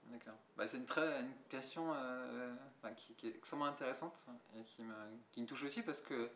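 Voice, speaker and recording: In an echoey museum gallery, a young adult visual artist answers interview questions with care, often restarting sentences and using fillers. His mid-range voice is a little fast and a bit bright, with a faint hiss or hum in the recording.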